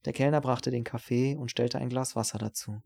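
A man reading a novel aloud as an audiobook narrator, in a measured, even storytelling voice. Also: mid-range voice, creaky.

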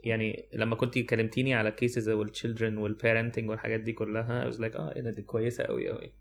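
A man's voice: on the low side, level tone, fast, gravelly, a little hiss or hum. A man with an Egyptian Arabic accent, co-hosting a podcast in casual chat that switches into English. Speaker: podcast co-host.

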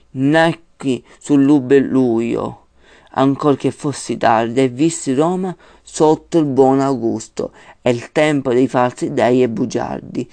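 A man reading aloud the solemn ghost of an ancient male poet, slowly and loudly declaiming verse. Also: medium pitch, gravelly, no echo. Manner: slow, loud, declaiming verse.

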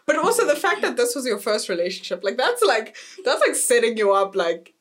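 A woman's voice: a little high, sing-song, brisk, a bit bright. A young woman co-hosting a podcast, chatting casually with giggly, teasing quips. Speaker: podcast co-host. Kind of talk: casual chat.

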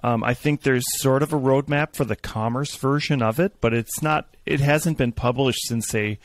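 A man's voice: medium pitch, moderate pace, no room sound. A man in casual tech discussion, rambling with fillers and restarts and a dry sarcastic streak.

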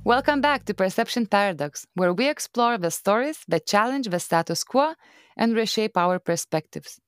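A woman's voice: medium pitch, lively intonation, moderate pace, clear, resonant tone. A woman hosting a podcast, opening with scripted, upbeat introductions and then asking questions in a conversational interview. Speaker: podcast host.

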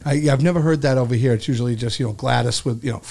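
A man hosting a casual chat, fast and rambling. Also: medium pitch, vocal fry, darkish tone. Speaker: host.

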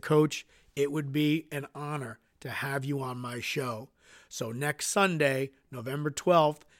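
A man with a voice on the high side hosts a solo podcast, sounding earnest, nasal from a cold, and peppering his speech with uhs. The recording is dry, with a clean studio sound.

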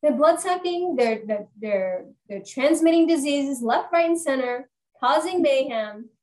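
A woman co-hosting a casual podcast chat about a film, talking in an animated, chatty way. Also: sits high, unhurried, low-quality recording. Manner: chatty, animated, laughs often. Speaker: podcast co-host. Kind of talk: casual movie discussion.

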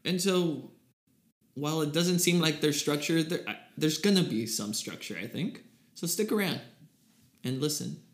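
A man's voice: on the high side, normal speed. A man co-hosting a casual religious chat podcast, playful and rambling, often laughing. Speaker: podcast co-host. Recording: echoey room.

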